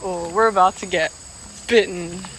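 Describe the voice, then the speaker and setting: Out on a trail, a woman vlogger chats casually and rambles, padding her sentences with "like." Her voice sits on the low side and is a bit bright, with fairly even intonation and a measured pace, while insects and nature ambience make the outdoor audio noisy.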